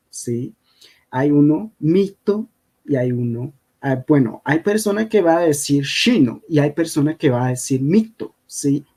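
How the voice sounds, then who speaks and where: A man's voice: mid-range voice, dark tone. A man whose first language is Kogui teaching a language lesson over slides, often checking in with the listener. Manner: unhurried, checks in with frequent "¿sí?".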